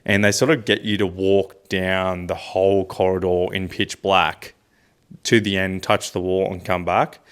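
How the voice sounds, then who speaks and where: A man's voice: low voice, level tone, a little slow, clear, resonant tone. A man co-hosting a podcast, telling a story in casual chat with lots of fillers and restarts. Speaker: podcast co-host.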